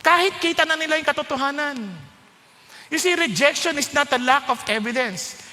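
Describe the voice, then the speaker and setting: A man preaching a sermon, switching between loud urging and hushed, emphatic lines. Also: extremely high pitch, in a large hall.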